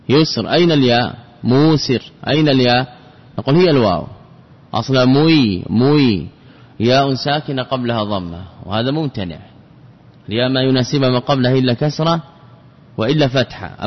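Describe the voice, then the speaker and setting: Man teaching in an echoing hall. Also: medium pitch. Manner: repeats words slowly and drills each example. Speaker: teacher of Arabic grammar. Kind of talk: classroom lesson. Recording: dull lo-fi recording with long hall reverb.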